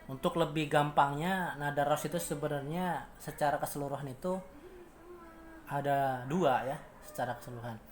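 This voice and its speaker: A man teaching Quran recitation, patiently repeating each point and chanting examples in long drawn-out tones. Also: on the high side, a little hiss or hum. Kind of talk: slow instructional explanation with chanted examples.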